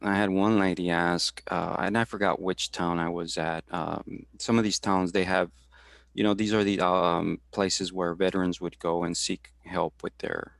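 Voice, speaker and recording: A man in his forties from Texas, talking through his career in a halting way, with many fillers and restarts, over a video call. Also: low-pitched, level tone, gravelly, a bit bright, no echo, clean studio sound. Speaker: guest speaker. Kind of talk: casual career talk.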